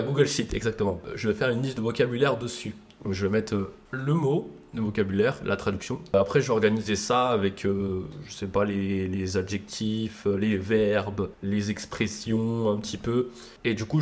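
A young man with a fairly low voice talks about his routine as a podcast guest. He speaks casually but hesitantly, stopping and restarting as he searches for words. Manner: hesitant, many fillers and restarts. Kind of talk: casual interview.

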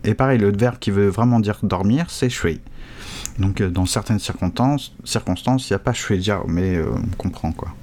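A man with a fairly low voice talks through a casual language lesson. He speaks haltingly, restarts often and drops in some slang. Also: darkish tone, slight background noise. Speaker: Chinese language teacher.

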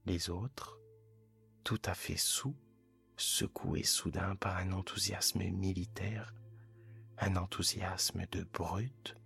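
Deep slow hushed male narrator. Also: gravelly. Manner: calm, hushed, measured delivery. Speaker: audiobook narrator. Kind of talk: soft bedtime story reading.

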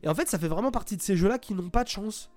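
A man's voice: sits high, expressive, very fast. A man reviewing a video game in casual talk from home, hesitant and full of fillers and restarts. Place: home, at a computer.

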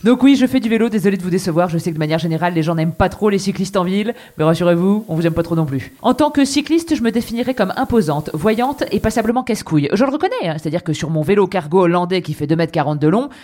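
A young woman hosting a comic podcast, delivering a scripted wry monologue that swings between loud and hushed. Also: lowish voice, lively intonation, quick pace, hardly any pauses. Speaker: podcast host.

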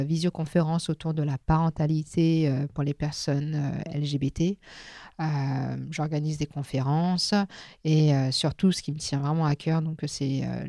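A French woman chats informally in a podcast interview, pausing often and using filler sounds. She has a low, mellow voice, captured in a dry, studio-quality recording.

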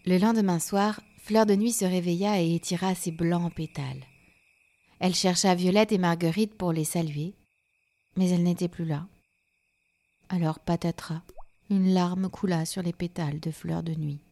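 A woman narrating a children's story, gentle and soft, sometimes dropping to a whisper. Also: on the low side, steady tone, normal speed.

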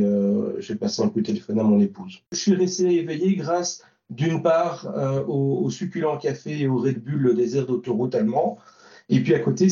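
A Belgian man who worked as a volunteer driver recounts a trip in an interview, hesitating often, restarting and using many fillers. His voice is mid-range and mellow. The recording sounds distant, roomy, dull and lo-fi.

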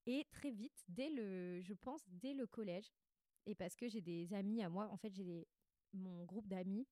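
A woman speaks with a stuffy, congested nose. Her voice is mellow, at an average pitch for a woman, and the sound is very dry with no room echo. She chats candidly and slangily, as if confiding a diary, often wandering and correcting herself mid-sentence. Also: measured pace. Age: 20s. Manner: candid, rambling, self-interrupting. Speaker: podcast host. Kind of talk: casual confessional monologue, chatty and slangy.

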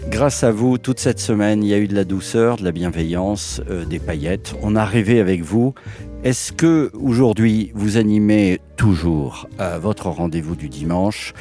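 A man hosting a radio interview, asking questions gently with some hesitant fillers. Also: on the low side, measured pace, faint music behind. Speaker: radio host.

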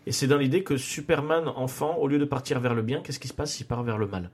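A man's voice: mid-range voice, quick pace, breathy edge. A man hosting a radio show who presents upcoming film releases in a casual roundtable chat. He often restarts and repeats his words.

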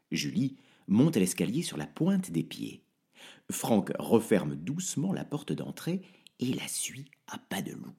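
Un homme qui lit un conte audio avec beaucoup d'expression. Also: male voice, lowish voice, husky. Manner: lively, expressive. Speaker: narrator. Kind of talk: audiobook narration.

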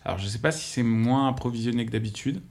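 A young man co-hosting a podcast in relaxed chat, rambling and correcting himself as he goes. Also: medium pitch, fast, creaky. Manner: rambling, self-correcting, laughs often. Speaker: podcast co-host, bassist. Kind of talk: casual chat.

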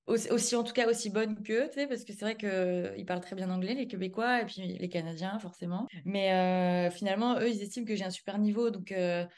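A woman's voice: mid-range voice, a little mellow. A woman with a French accent, chatting as a podcast guest, hesitant with frequent filler sounds and light laughs. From France. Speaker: guest, public relations adviser. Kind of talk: casual podcast conversation.

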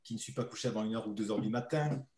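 A man's voice: fairly low pitch, very fast. Teasing southern French man in a roomy hall. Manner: teasing, animated storyteller. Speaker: co-author presenting a book. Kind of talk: playful talk at a book event. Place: talk venue with audience. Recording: roomy echo.

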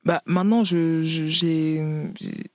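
Invitée autrice, femme, parole hésitante pleine de « euh », son sec et proche. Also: female voice, low voice, fairly even intonation, slow, darkish tone, no echo. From Paris region, France. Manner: hesitant, many fillers, frequent laughs. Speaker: author guest. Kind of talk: interview conversation.

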